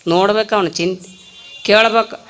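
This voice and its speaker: Woman preacher, North Karnataka accent, comic religious talk, bright voice, lively storytelling. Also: medium pitch. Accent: North Karnataka Kannada. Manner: lively, storytelling, rustic, quick asides to the audience. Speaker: spiritual preacher. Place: temple.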